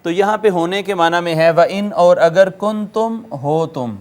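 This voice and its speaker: A male lecturer with a Pakistani Urdu accent teaches Arabic grammar to viewers. His voice sits high and sounds smooth and clear. He works through each word methodically and repeats its meaning patiently. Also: a little mellow. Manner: chants Quranic words slowly in a drawn-out recitation tone. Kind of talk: classroom-style recorded lecture.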